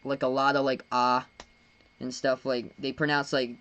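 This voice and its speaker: A young man from Massachusetts streaming live basketball play-by-play. He speeds into excited calls of the action between relaxed chats with viewers. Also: medium pitch, brisk, dull audio. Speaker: live-stream sports commentator. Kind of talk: live play-by-play with chat shout-outs.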